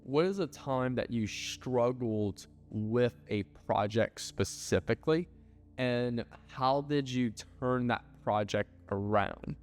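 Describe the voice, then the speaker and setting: A man's voice: mid-range voice, takes it slowly. A man giving casual business advice, blunt and loose, with lots of filler words and the odd swear. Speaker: ad agency owner. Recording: hall reverb with faint music.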